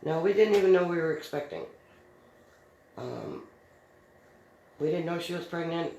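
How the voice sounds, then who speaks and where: With a low, expressive, creaky yet mellow voice at a moderate pace, a middle-aged woman hosts a DIY crafts video. She chats casually through a story, laughs easily, and uses plenty of fillers, heard with a roomy echo and slight noise.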